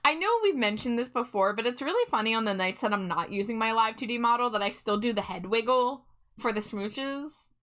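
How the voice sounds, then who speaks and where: A woman with a slightly high, bright voice hosts a livestream. She talks casually and playfully, with the cute manner of an anime streamer. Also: lively intonation, fairly quick. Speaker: livestream host.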